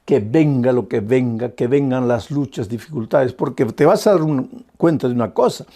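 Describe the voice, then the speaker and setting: A man's voice: mid-range voice, moderate pace, warm tone. A man preaching an evening prayer sermon as pastor, speaking earnestly and directly to the listener with repeated emphatic phrases and a shifting pace.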